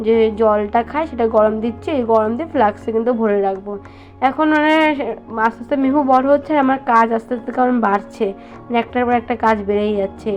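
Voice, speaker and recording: A woman's voice: on the high side, highs cut off. A young woman, chatting casually with viewers in a home vlog, full of fillers. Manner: chatty, many fillers, addresses viewers as guys; speaks softly so as not to wake her baby. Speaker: vlogger. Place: home kitchen and bedroom, indoors.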